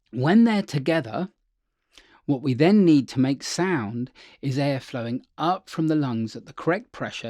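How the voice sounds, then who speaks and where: A man's voice: medium pitch, darkish tone, no echo, clean studio sound. A man teaching a singing lesson as a vocal coach, upbeat and chatty, checking in with the listener often.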